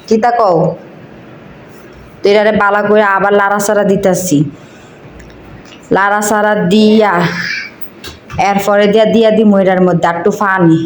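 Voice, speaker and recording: A woman's voice: medium pitch, echoey room, a little hiss or hum. A woman from Cumilla with a Cumilla Bengali dialect, talking viewers through a recipe as she cooks and chatting with them like friends. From Cumilla, Bangladesh. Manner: chatty, talks to viewers as friends while cooking. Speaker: cooking vlogger. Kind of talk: casual cooking narration.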